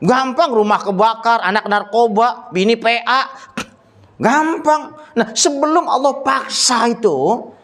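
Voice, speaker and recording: A man giving a casual religious study sermon, chatty and joking, teasing listeners by name and reciting Arabic verses slowly. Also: very high-pitched, a bit bright. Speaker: preacher.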